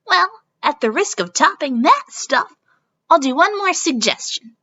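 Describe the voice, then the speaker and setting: A woman's voice: sits high, big pitch swings, a little slow, bright, forceful tone, highs cut off, voice pushed up, full character voice. A woman voicing a playful, teasing cartoon girl who hosts a game show, with hammy, stagy delivery, in a dramatic reading.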